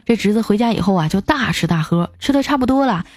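Reading out jokes sent in by listeners, this Chinese comedy-show host keeps a quick, lively pace, raising her pitch for quoted lines and laughing as she goes.

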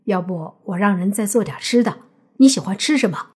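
A woman voicing a fawning young man who flatters in a bright, ingratiating way, husky-toned. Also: mid-range voice, a little fast.

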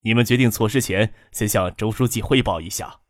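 A man voicing a calm senior male city official who speaks in an even, measured way. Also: lowish voice, no room sound, clean studio sound, natural voice.

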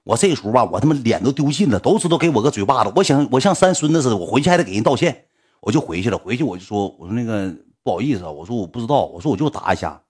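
Fast, husky man telling a story. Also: medium pitch. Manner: animated, blunt, swears often, full of sound words. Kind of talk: casual spoken storytelling.

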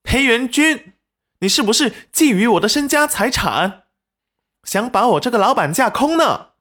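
A high, shrill young wife who flares up fast and accuses everyone around her, as a male storyteller puts her on. Her lines jump sharply upward and come out loud and pointed in an audiobook reading. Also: wildly swooping pitch, slightly rough, heavily acted. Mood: indignant. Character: young wife, pregnant, quick-tempered and suspicious.

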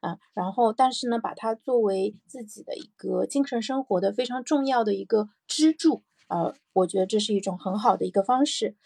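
A woman's voice: mid-range voice, fairly quick, creaky, hardly any pauses, mellow, slightly rough, no echo, clean studio sound. A woman hosting a personal morning audio show, talking casually and reflectively, thinking aloud with repeated phrases and little check-in questions. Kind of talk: casual reflective solo podcast talk.

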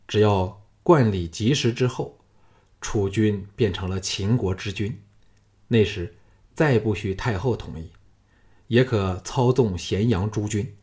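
A grown general with a cool, level voice, low and unhurried, as a male narrator voices him. He speaks quietly and firmly, never rising. This is storybook reading of a martial fantasy novel. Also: lightly acted.

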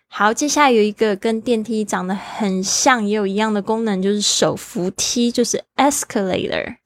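A woman hosting a casual podcast lesson, teaching English shopping words and spelling them out letter by letter in a chatty, upbeat way. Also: medium pitch.

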